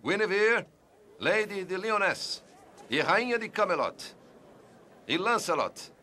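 An actor playing a stern royal court herald, making a formal, measured proclamation in a dubbed film. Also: male voice, sits high, big pitch swings, bright, forceful tone, a little hiss or hum, exaggerated voice. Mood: stern, official. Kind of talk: dubbed film drama acting.

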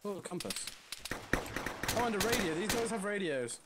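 A man with a high, lively voice mocks his teammates. Loud gunfire noise nearly buries the voice chat. He sounds brash. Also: normal speed. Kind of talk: live gaming chat.

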